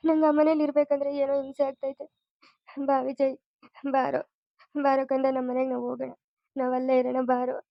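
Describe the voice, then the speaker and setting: A woman's voice: fairly high pitch, level tone, fast, long pauses, no room sound, lo-fi sound, close to an everyday voice. A woman voicing a tearful middle-aged mother who laments her family's troubles in a cartoon. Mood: sorrowful. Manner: sorrowful, lamenting.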